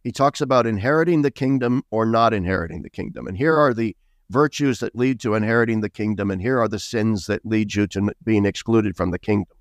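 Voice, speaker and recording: A man's voice: lowish voice, brisk, no room sound. A middle-aged man speaking as a guest author in an interview, earnest and emphatic, with bursts of raised emphasis. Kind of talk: interview conversation.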